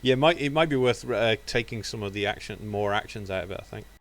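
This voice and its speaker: Fast-talking man in casual game chat. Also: on the low side. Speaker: game tester.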